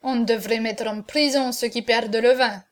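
A gruff, wine-loving swordsman muttering his complaints, as a woman narrator puts him on. The pitch stays high. Storybook reading. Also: steady tone, moderate pace, close to an everyday voice. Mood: grumbling. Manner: grumbling, muttering.

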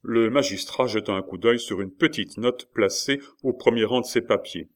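A man reading a classic novel aloud as expressive audiobook narration. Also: medium pitch. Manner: measured, expressive storytelling. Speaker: audiobook reader.

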